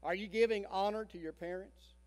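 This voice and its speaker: A man in his sixties, a pastor preaching a sermon, telling a story dramatically and swinging between loud emphasis and hushed tones. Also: high voice, a little fast. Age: 60s. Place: church sanctuary. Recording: long church reverb.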